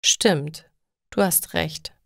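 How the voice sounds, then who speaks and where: A woman's voice: deep voice, very slow, gravelly, fairly bright tone, dry recording, clean studio sound, full character voice. A woman voicing a sad, insecure young woman after a breakup, who speaks in a hesitant, downcast way.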